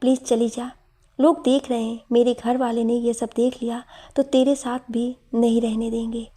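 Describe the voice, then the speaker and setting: A woman's voice: a little high, flat delivery, normal speed, dark tone, natural voice. Woman reading as a worried young college friend. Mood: urging. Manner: urging, worried.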